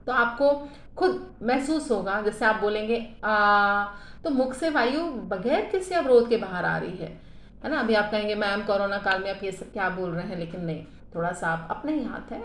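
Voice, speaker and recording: A woman teaching a school grammar lesson, explaining patiently, checking in with her students, and modeling sounds aloud for them to repeat. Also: fairly high pitch. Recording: echoey room with faint ambient noise.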